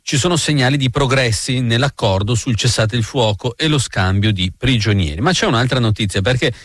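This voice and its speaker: Male radio news anchor, mid-range voice, crisp measured read, dry booth sound. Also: medium pitch, no room sound. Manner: brisk, measured newsreading.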